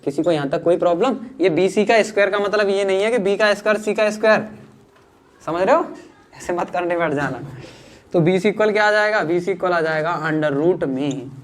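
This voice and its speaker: A man's voice: high voice, brisk. A man with a north Indian Hindi accent teaching a maths lesson in a chatty, teasing, reassuring way. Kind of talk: informal classroom lesson.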